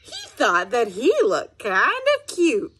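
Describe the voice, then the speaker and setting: With wildly swooping pitch, a middle-aged special education teacher reads a picture book aloud expressively, turning to speak instructive asides straight to her students. Her fairly high voice is slow, a bit bright and breathy at the edges.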